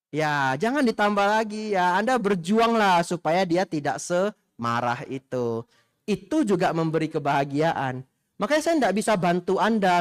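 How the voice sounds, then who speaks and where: A man's voice: a little high, smooth. A middle-aged man, a Buddhist monk, giving a humorous Dhamma talk to a congregation, asking them questions and mixing in Hokkien phrases. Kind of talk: sermon. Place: temple hall before a congregation.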